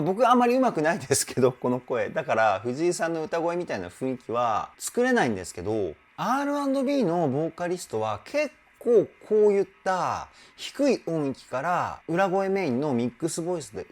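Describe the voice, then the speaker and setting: A man working as a vocal trainer, analyzing a singer's live performance in an animated way, exclaiming and breaking off to sing short demos. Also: a little high. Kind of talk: song analysis commentary.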